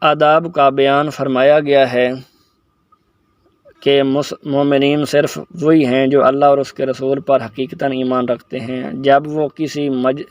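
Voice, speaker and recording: A man reading a summary of Quran commentary in a steady, even way, like a presenter. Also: mid-range voice, dull audio. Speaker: Islamic presenter.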